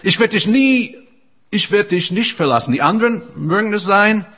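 Loud bragging apostle, a man's voice pushed up high and hard, as a preacher acts it out, husky. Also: lively intonation, normal speed, full character voice. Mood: boastful. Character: boastful impulsive apostle, adult man, loud.

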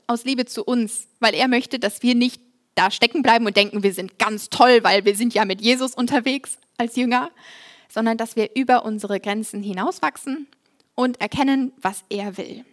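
Lively woman preaching a sermon. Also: on the high side, moderate pace. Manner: lively, humorous, conversational.

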